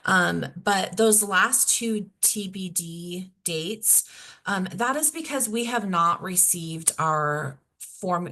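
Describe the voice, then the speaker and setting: A woman presenting a grant webinar over a video call, explaining deadlines and budgets plainly, losing her voice and clearing her throat. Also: on the low side, fairly bright tone. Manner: plain, explanatory, self-correcting. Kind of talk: technical assistance webinar.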